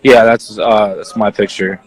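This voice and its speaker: A young man, an eyewitness, answering viewer questions in a casual, halting way, full of "like" and "you know.". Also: on the low side, steady tone, low-quality recording. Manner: halting, filler-heavy, leans on "like". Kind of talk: casual spoken account.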